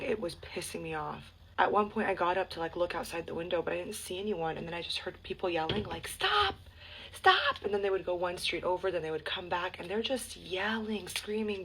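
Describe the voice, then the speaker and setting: A woman's voice: on the low side, slight background noise, poor audio. A young woman telling stories in a casual morning vlog, chatty and full of "like", filmed on a phone. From United States. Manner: chatty storytelling, frequent "like". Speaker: vlogger. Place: indoors at home while traveling.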